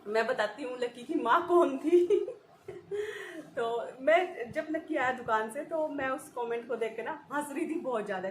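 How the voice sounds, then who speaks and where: Woman vlogger, 30s, higher-pitched, giggly rambling storyteller; echoey room, faint background noise. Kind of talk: casual chat to viewers.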